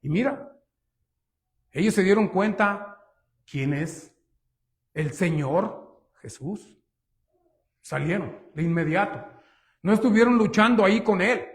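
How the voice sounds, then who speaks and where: A high-voiced man preaches from the pulpit with great emphasis. He swells into louder stretches to drive points home and often asks his congregation rhetorical questions. He keeps turning to them as his brothers and sisters. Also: lively intonation, takes it slowly, long pauses. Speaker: pastor. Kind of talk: sermon.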